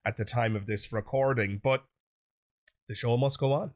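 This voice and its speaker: A male YouTube channel host delivers a chatty opinion commentary monologue straight to camera, addressing viewers directly. His mid-range voice moves at normal speed and sounds chesty and sniffly from an infection.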